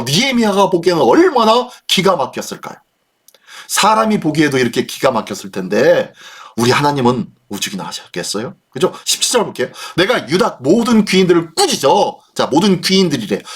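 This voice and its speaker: A man's voice: a little high, big pitch swings, a little fast, husky. A male pastor teaching a midweek Bible study sermon, asking his listeners questions and answering them himself, and acting out scolding lines with heat.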